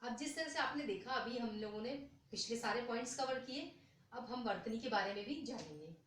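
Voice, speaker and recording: A woman teaching a school lesson, slowly and deliberately, repeating each syllable for her students. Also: fairly high pitch, animated, a bit bright, a little hiss or hum. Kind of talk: slow classroom lesson with drills. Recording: echoey room from far off.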